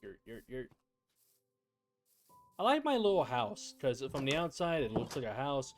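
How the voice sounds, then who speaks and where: A man's voice: medium pitch, very animated, fairly quick, music in the background. Joking young streamer man. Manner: playful, self-mocking banter. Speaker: streamer and gameplay host. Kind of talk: casual gameplay chat.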